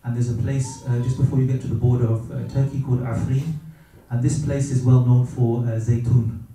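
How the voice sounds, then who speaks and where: A little hiss or hum sits under this recording of a middle-aged man speaking reverently about his personal experience in a reflective religious talk. His deep, very dark, mellow voice shows little pitch movement and moves unhurriedly, gentle and hesitant with frequent pauses and fillers. He is far from the mic, and every phrase is bathed in strong room echo.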